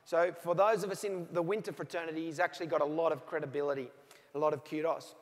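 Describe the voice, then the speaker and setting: A man's voice: a little high, steady tone, fast talker. A man in his forties with an Australian accent, giving a motivational keynote speech and telling stories with acted-out phone calls. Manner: storytelling, acts out both sides of remembered phone calls. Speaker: motivational speaker. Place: large hall with audience. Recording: reverberant hall.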